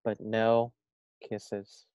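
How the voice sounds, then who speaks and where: A man teaching first graders, reading a picture book aloud and gently asking the children questions. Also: on the low side, monotone, extremely slow, clear, resonant tone, dry recording, dull audio. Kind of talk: read-aloud storytime.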